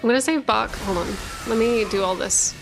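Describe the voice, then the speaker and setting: A woman's voice: on the high side, a little fast, creaky, music in the background. A woman hosting a livestream, chatting casually with viewers in a rambling way, full of filler words and self-corrections, tired after hours of streaming. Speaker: streamer and lore channel host.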